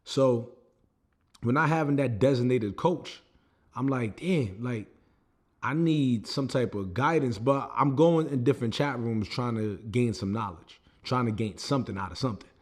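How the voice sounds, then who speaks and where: At normal speed and with a darkish tone, a young American vlogger recounts his setbacks straight to camera in a mid-range voice. He rambles conversationally, restarting often and filling gaps with phrases like "you know what I mean."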